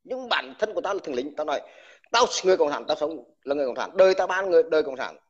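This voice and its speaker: Fiery, abusive veteran on a dull recording. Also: male voice, on the high side, expressive, very fast, breathy edge. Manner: combative, insulting, addresses the listener with crude terms; stammers and repeats words when heated. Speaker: army veteran speaking out online. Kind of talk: angry livestream rant.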